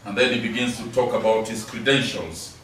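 A man's voice: mid-range voice, a little fast, fairly bright tone. A man giving a Bible lesson, emphatic, repeating key words and asking rhetorical questions. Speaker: Bible teacher. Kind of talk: classroom Bible teaching. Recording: very echoey hall, distant mic, faint noise.

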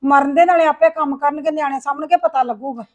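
A woman's voice: sits high, steady tone, fast talker, highs cut off, close to an everyday voice. An actress playing a mother who takes her married daughter's side against the in-laws in a domestic drama. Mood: indulgent. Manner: indulgent, scolding the in-laws. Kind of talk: domestic web drama acting.

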